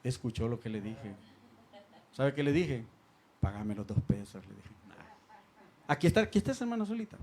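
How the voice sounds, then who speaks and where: Man, pastor, sermon in church, handheld mic, loud calls and soft asides. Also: mid-range voice, big pitch swings, a little fast, pauses often. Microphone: handheld microphone.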